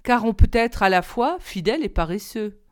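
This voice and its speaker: Woman doing a tired lamplighter man, resigned and plain, smooth clear voice. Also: mid-range voice, animated, moderate pace, close to an everyday voice. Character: weary male lamplighter who loves sleep. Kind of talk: audiobook reading.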